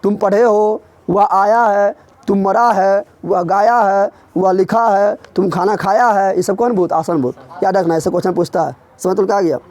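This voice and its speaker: A man teaching a grammar revision lesson in a classroom, drilling his students with quick repeated questions. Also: sits high, fairly even intonation, darkish tone.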